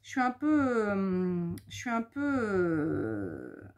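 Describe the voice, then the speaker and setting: In her casual scrapbooking video, a tired woman speaks with a darkish, medium-pitched voice that swoops wildly in pitch and draws words out. She muses aloud while working and pokes fun at herself playfully.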